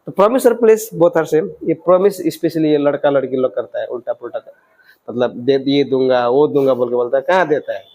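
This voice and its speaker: A man teaching English vocabulary, often quizzing his students and reading English phrases out slowly. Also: on the high side, darkish tone, low-quality recording. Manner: quizzing, repeats questions to students; mixes English phrases into explanations, reads them slowly. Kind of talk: vocabulary lesson.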